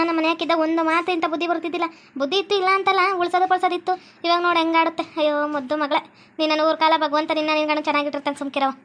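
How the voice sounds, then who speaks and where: A woman with a North Karnataka Kannada accent voicing a cartoon family, talking fast like a scolding village woman. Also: high-pitched, fairly bright tone. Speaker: narrator voicing all figures. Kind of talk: cartoon voice acting.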